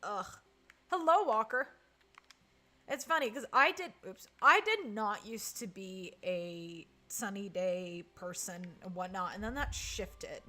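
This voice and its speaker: A woman's voice: medium pitch, expressive, slow, bright, forceful tone. A woman chatting casually on a live stream while playing, reading and answering chat and groaning at misses. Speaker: game streamer.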